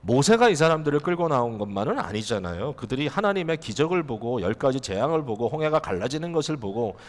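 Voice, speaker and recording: A man's voice: medium pitch, very animated, fast talker. Guy pastor preaching, talky, lots of questions to the crowd, long echo like a big church. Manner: conversational preaching, rhetorical questions to the congregation. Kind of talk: sermon. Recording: long hall reverb.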